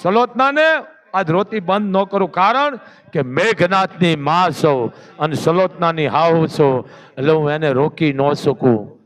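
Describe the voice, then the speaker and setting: A man's voice: a little high, a little slow, pitched below the performer's own voice, close to an everyday voice. A man voicing a proud grieving queen in a religious storytelling talk, speaking in a raised, emphatic way. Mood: defiant.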